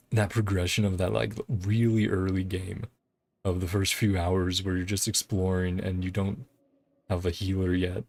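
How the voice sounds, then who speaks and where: A low, slightly mellow voice with vocal fry delivers chatty, wandering commentary on a livestreamed game. The streamer laughs often while game music runs behind him.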